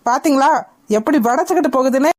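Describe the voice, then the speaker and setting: A mischievous cartoon busybody who stirs up fights and needles everyone, voiced by a woman. Her voice is high and provoking, full of mocking innocence. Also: quick pace, a little mellow, natural voice. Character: meddling woman relative, teasing troublemaker.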